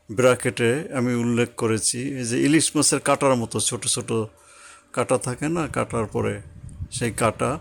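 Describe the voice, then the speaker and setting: A man teaching Quran reading step by step, patiently repeating points and slowly sounding out each syllable. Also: medium pitch. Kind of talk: step-by-step recitation lesson.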